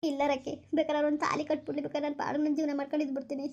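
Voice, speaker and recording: A woman's voice: high-pitched, completely flat delivery, racing, darkish tone, muffled recording. A woman playing a desperate young woman who pleads tearfully and keeps repeating herself in a village comedy skit. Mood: pleading, tearful. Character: desperate young woman betrayed by her lover.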